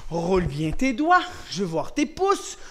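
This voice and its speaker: A man with a Quebec French accent teaching an online karate class for children, shouting counts and commands with lots of energy. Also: high voice, huge pitch swings, unhurried. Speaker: karate instructor.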